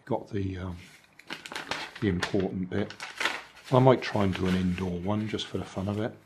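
In a casual show-and-tell, an older vlog host goes through his newest charity shop purchases at an indoor table, hands on camera, with a dry, musing manner and plenty of asides. His low voice is steady and moderately paced, with faint noise underneath.

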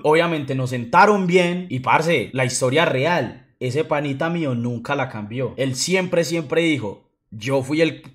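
A young man with a Colombian accent, telling a story on a livestream in a profane, slang-filled, animated way. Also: fairly high pitch. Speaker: streamer. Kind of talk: casual storytelling on stream.

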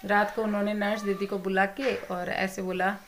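A woman giving a soft-spoken, worried family update in a casual vlog, rambling on in long runs. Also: medium pitch, level tone, normal speed, slight background noise. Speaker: vlogger.

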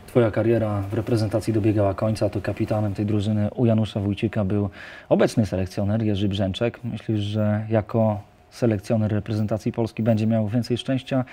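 Dark-voiced male studio interviewer. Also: fairly low pitch. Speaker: host, interviewer.

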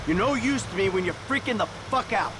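An actor playing a calm, commanding male bank robber who leads a heist in a video game, keeping his nervous partner in line with threats. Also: high voice, a little fast, noisy background. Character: cool-headed male heist leader, middle-aged, menacing.

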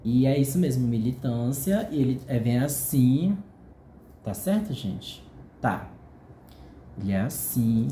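A man with a Brazilian Portuguese accent, excitedly unboxing a book on a casual vlog, gushing and jittery with nerves. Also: mid-range voice, takes it slowly, long pauses, echoey room, a little hiss or hum. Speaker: vlogger. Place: hotel room.

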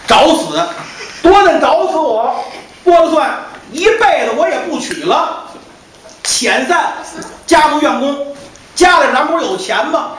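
一名男说书人在扮演一位丢了妻子、悲愤激动的中年东家，说话翻来覆去、时常喊出来。. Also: male voice, very high-pitched, animated, a little slow, pitched above the performer's own voice, full character voice. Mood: desperate. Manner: agitated, repeating himself, shouting. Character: grief-stricken middle-aged male master. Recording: echoey distant hall, faint noise.

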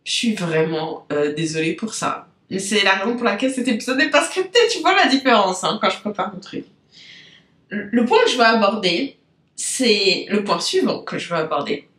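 Her voice is mid-range, animated and fairly bright, at a moderate pace, with a roomy sound. She's a French business coach with a French accent hosting a podcast, rambling through an unscripted monologue aimed right at her listeners, digressing, losing her thread and filling gaps with fillers.

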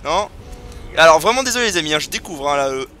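A man hosting a casual let's play, excitable and chatty as he thinks aloud. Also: fairly high pitch, fast talker. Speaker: gaming video host. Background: video game sounds.

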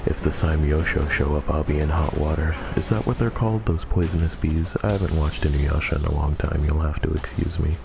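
A man commentating on a video game in a hushed golf-commentator style, deadpan, joking and profane, with a gravelly voice. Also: a little fast, hardly any pauses. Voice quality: very deep, gravelly. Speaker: gamer commentating over play. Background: game music.

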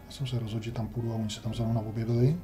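Male let's-player, deep mellow tone, dry grumbling self-talk, light music underneath. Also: flat delivery. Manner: wry, grumbling, talks to himself while playing. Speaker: gameplay commentator. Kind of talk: casual let's-play commentary.

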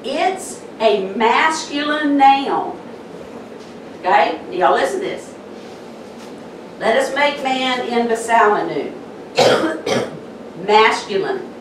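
A woman pastor with a Southern accent preaching a sermon slowly and emphatically. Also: on the high side, big pitch swings, slight background noise. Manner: slow, emphatic preaching with pauses. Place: church sanctuary. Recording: echoey church hall, mic from a distance.

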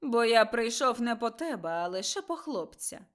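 A woman voicing a cruel male dark lord with a high, hissing, cold voice in an audiobook. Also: sing-song, normal speed. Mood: cold command.

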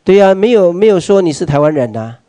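A somewhat high, mellow male voice with a Taiwanese accent, lecturing a workshop audience in a meeting hall. He fires questions at listeners and drops in Hokkien phrases. His delivery swings from hushed asides to loud urging, recorded close and dry. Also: big pitch swings, fast talker.

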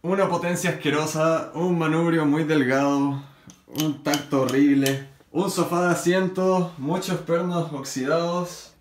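A Chilean man in his thirties talks casually about a mountain bike, his voice sitting high for a man. The sound is roomy and echoey, picked up on a small camera. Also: unhurried, a little hiss or hum. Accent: Chilean Spanish. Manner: excited exclamations while riding, relaxed explaining at home. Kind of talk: casual vlog, riding commentary then bike review. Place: trail ride outdoors, then indoor room with bike stand.

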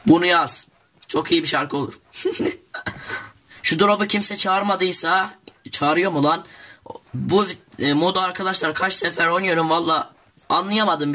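A teenage boy narrates his gameplay in a bright, forceful voice that sits a little high. He is excitable and jokey and keeps talking to his viewers as he plays. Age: teens. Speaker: gaming YouTuber. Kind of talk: casual gameplay commentary.

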